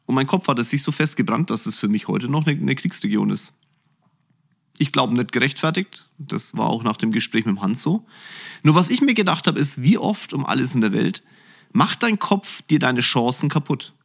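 A man's voice: medium pitch, moderate pace, vocal fry. Solo podcast host, male, 40s, chatty and reflective, tends to ramble. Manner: rambling, reflective, quotes his own thoughts in lively asides. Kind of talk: casual solo podcast monologue.

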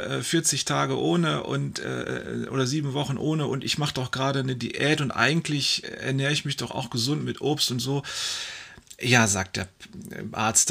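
A man's voice: medium pitch, vocal fry, bright, forceful tone, husky. A man telling long jokes in a leisurely storytelling manner with many fillers, briefly acting out the voices of the characters. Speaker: joke teller.

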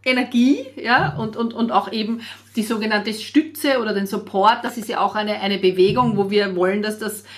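A middle-aged woman who sings chats casually, explaining things at length and often repeating words while she thinks. Her voice is mid-range and moves at a normal speed.

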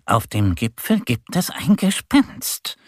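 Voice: mid-range voice, sing-song, takes it slowly, dry recording, clean studio sound. A storyteller voicing a sly fox who whispers secretive warnings. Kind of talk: children's story reading.

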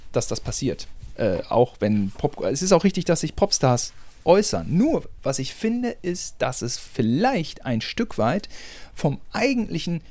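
A man hosting a casual podcast, his voice sitting a little high and swinging widely in pitch. He talks animated and self-mocking, dropping the odd swear. The sound is dry and close to the mic. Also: measured pace, no echo. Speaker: podcast host.

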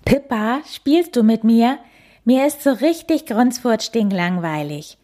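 A woman's voice: on the high side, lively intonation, a little mellow, voice pushed up. A woman voicing a bored, sulky little boy coati who whines and complains. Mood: whiny. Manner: whining, drawn-out complaining.

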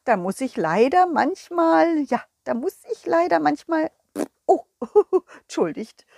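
A woman voicing an excitable, flustered fairy-tale king in a children's audio story, giggly and high, apologizing all the time. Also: slow pace, creaky, dry recording, clean studio sound, full character voice. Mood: excited.

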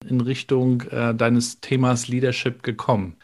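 A man's voice: mid-range voice, flat delivery, a little slow. A man from Rostock hosting a podcast, asking friendly questions in a casual interview. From Rostock, Germany. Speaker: podcast host.

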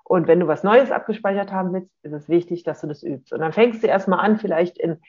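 A parenting coach giving a calm, explanatory talk to parents and often checking in with a short "ja?". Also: medium pitch, fast. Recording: dull lo-fi recording.

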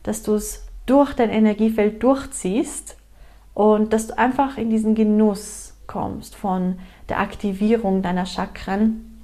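Woman guiding a meditation. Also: medium pitch. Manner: gently instructing with repeated invitations and phrases. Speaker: meditation guide. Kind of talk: guided meditation, spoken directly to the listener.

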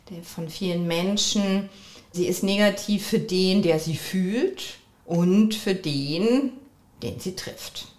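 A woman who is a coach and couples therapist hosts her own calm solo podcast, speaking in a measured, reflective way and often affirming herself with a soft "ja". Her voice is fairly low, and the room is echoey.

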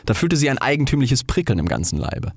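A man reading a fairy tale aloud in a theatrical, expressive way. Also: medium pitch, fast, vocal fry, breathy edge, no room sound, studio quality. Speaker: storyteller.

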